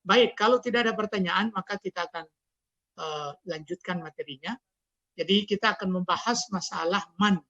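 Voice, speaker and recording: A man's voice: sits high, moderate pace, sharp tone, dry recording. A man with an Indonesian accent teaching an Arabic class online, patiently coaxing students to read aloud. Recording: dull lo-fi online call audio.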